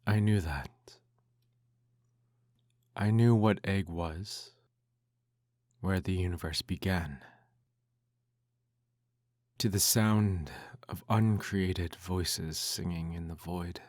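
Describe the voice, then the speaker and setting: A man in an ASMR role-play reads a bedtime story aloud in a soft, intimate, hushed voice that slips into speaks softly. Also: deep voice, takes it slowly, pauses often, no room sound, clean studio sound.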